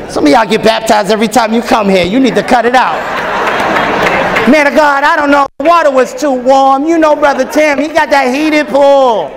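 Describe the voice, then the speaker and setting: The background is noisy as a very high-pitched man in his thirties preaches at a conference. In the large hotel ballroom he jokes and calls out to the live audience for answers, his lively delivery echoing with long reverb over a faint crowd.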